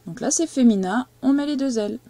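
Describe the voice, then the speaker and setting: A woman teaching a young child to read, speaking slowly and patiently and stressing each syllable as she dictates. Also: a little high, warm tone, dry recording. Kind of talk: reading and spelling lesson for a young child.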